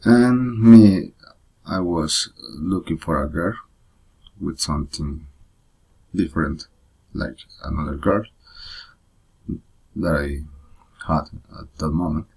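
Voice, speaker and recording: A man presents his own life story in halting, hesitant English. His voice sits very low and sounds slightly husky. He talks slowly, stopping often to search for words. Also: a little mellow. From Costa Rica. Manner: hesitant, frequent pauses and uh fillers, learner's English. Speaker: presenter of a personal photo story.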